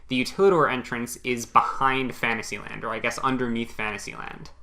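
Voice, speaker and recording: A man's voice: medium pitch, steady tone, fairly quick, vocal fry, bright, forceful tone. A young man co-hosting a casual chat show, rambling along with dry jokes. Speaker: podcast co-host, former theme park worker.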